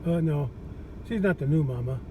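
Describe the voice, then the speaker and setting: Folksy man rambling over clear background noise. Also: a little high, normal speed, warm tone. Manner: rambling, folksy, repeats himself. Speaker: farmer narrating his own chores. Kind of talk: casual vlog chat, thinking aloud. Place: outdoors on a farm, partly around a vehicle. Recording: noisy outdoor recording, vehicle noise.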